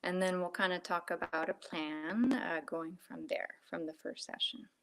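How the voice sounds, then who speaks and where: On a phone video call from home, a woman who practices Reiki speaks casually and softly, filling her talk with fillers and sometimes sinking to a whisper. Her voice is fairly low and gravelly, steady in tone, at a normal speed.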